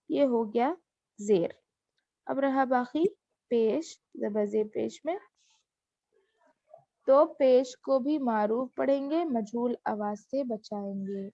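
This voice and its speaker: A woman teaching Quran reading, spelling out syllables one by one and adding quick explanations. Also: sits high, darkish tone, no room sound, dull audio. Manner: spells each syllable slowly, then explains in quick asides. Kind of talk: slow drilled lesson recital.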